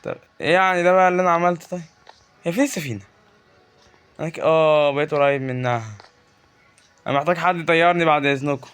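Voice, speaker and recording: A man's voice: on the high side, fast talker, long pauses, a bit bright, smooth. A man with an Egyptian Arabic accent giving casual Let's Play commentary, chatty and joking, talking back to the game's creatures. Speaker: gaming YouTuber.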